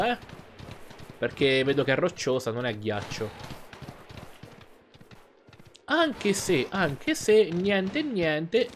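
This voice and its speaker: A slightly high-voiced gaming YouTuber provides casual let's play commentary, with a little hiss or hum on the audio and faint game music behind him. He's chatty and exclamatory, reacting and thinking aloud during play.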